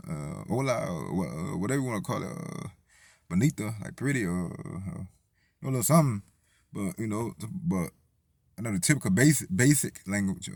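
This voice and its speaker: A man's voice: on the low side, gravelly, darkish tone, breathy edge, no echo, clean studio sound. A man from Tennessee, talking in a rambling, profane casual monologue full of restarts. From Tennessee, USA. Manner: rambling, profane, lots of restarts and "you feel me". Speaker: vlogger.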